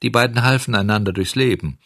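A man reading a children's storybook aloud as narrator, in an expressive, melodic way. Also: mid-range voice, fast talker, gravelly, no echo, studio quality.

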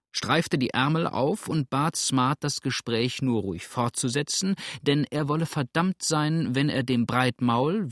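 A man reading a classic adventure novel aloud in a steady, measured way. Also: medium pitch, no room sound, studio quality. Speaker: narrator.

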